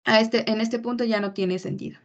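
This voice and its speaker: A young woman giving a medical class presentation, explaining in a measured way with frequent pauses and fillers. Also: on the high side, fairly even intonation. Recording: muffled lo-fi recording.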